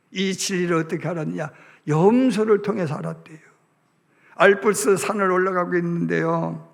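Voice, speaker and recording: High, gravelly preacher in a hall. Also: male voice. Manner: animated storytelling that acts out voices. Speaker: pastor. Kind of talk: sermon. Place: church sanctuary. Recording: reverberant church sanctuary.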